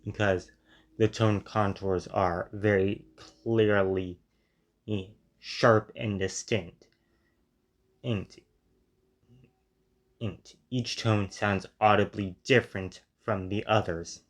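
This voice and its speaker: A man hosting a reaction video, analyzing and testing sounds on himself in a deliberate way. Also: on the low side, steady tone. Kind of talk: commentary on a played video.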